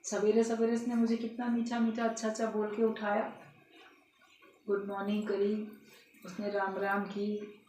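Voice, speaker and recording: A woman's voice: mid-range voice, completely flat delivery, normal speed, pauses often, a little mellow, slight background noise. A woman giving a spiritual discourse, telling a parable in an earnest, instructive way. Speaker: spiritual speaker. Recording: roomy sound, distant mic, faint ambience.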